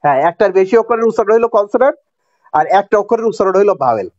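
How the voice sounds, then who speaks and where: This is a classroom grammar lesson from an animated male teacher with a Bangladeshi accent who talks very fast. His voice is fairly high but darkish in tone, and he repeats every rule and keeps asking if students follow. The sound is dry, a bit muffled, and has no echo.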